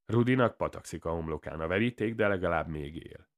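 A man reading a first-person crime story aloud in a dry, matter-of-fact way. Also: low voice. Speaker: audiobook narrator. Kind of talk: first-person audiobook narration.

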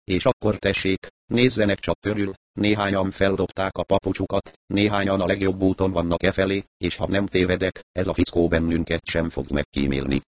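A man's voice: sits low, little pitch movement, few pauses, no echo, close to an everyday voice. A man reading the part of an agitated, exasperated man in an audiobook.

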